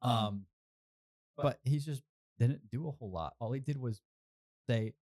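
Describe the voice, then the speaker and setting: A man's voice: medium pitch, a little slow, darkish tone, dry recording, clean studio sound. A young man co-hosting a podcast, rambling casually about history and swearing freely. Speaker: podcast co-host. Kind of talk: casual chat.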